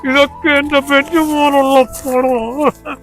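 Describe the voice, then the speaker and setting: A man's voice: sits high, lively intonation, moderate pace, soft background music. An actor playing a grief-crazed old moneylender father in a comedy skit, rambling and pleading.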